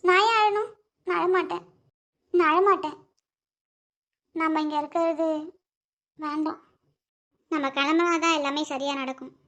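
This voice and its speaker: A woman voicing Ashmi, a very high-voiced heartbroken cartoon girl. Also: fairly even intonation, normal speed, long pauses, a bit bright. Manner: emotional, pleading. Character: lovesick young woman, stubborn and tearful.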